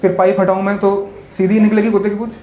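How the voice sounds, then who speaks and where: A man's voice: high-pitched, level tone, fast, a little mellow. A man giving a spiritual talk to a live audience, telling parables and often checking in with questions to the listeners, mixing in English words. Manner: asks the audience constant tag questions; tells parables and stories. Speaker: monk speaker. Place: hall with an audience. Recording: echoey hall with faint ambience.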